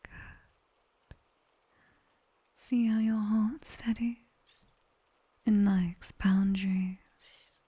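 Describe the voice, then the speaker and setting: A British ASMR performer whispers breathily and intimately into a close binaural ear mic, playing a sharp-tongued, teasing nightmare demon tutor who leads a guided body scan. Her exaggerated voice is medium-pitched and husky, and her delivery is slow, intimate, teasing, and commanding.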